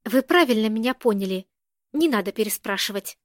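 A woman's voice: on the high side, lively intonation, no echo, clean studio sound, natural voice. A woman reading as a cold, stern businesswoman. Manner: firm, cool, measured. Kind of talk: audiobook character reading.

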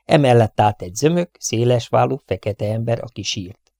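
A man reads a novel aloud in a steady, even storytelling manner, at a mid pitch for a man. The recording is dry and close, with no room sound. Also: no echo. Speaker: audiobook reader. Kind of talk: scripted narration.

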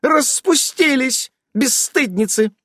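A man voicing a fussy, flustered witch who is a wife and mother, in a high, scolding, chirping voice. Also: lively intonation, slow, sharp tone, breathy edge, no room sound, clean studio sound, exaggerated voice.

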